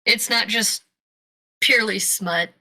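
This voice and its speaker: Woman co-host, bright and easygoing, mid pitch, reads the outro. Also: takes it slowly. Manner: agreeable, chiming in briefly, then reading a scripted sign-off. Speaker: podcast co-host. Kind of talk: casual book review chat.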